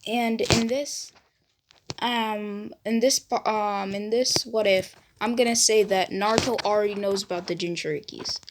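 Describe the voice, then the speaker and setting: A woman's voice: mid-range voice, steady tone, unhurried, noisy background. A woman casually narrating a fan story, hesitant, with fillers and restarts.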